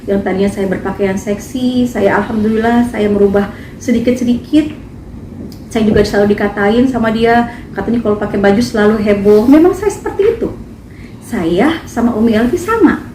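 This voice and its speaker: A woman's voice: medium pitch, moderate pace, mellow, recorded from a distance. A woman singer making an emphatic, indignant statement at a press conference. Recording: echoey, from afar, faint noise.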